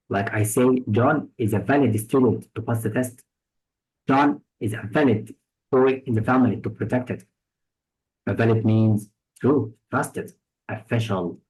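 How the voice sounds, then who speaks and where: A man's voice: medium pitch, darkish tone, rough recording. A man teaching English vocabulary for test prep with an Egyptian accent, patiently explaining each word through examples and synonyms.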